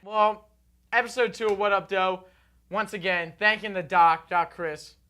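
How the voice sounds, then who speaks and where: Bright, high-voiced young man from New Jersey. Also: fairly even intonation. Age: young adult. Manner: quick teasing interjections, playful contrarian. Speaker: co-host. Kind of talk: casual chat.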